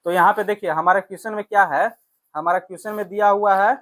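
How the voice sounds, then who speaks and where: Speaking fast in a high, steady, slightly bright voice, a man teaches exam maths. He explains each worked question step by step and repeatedly confirms understanding with quick tag questions to viewers.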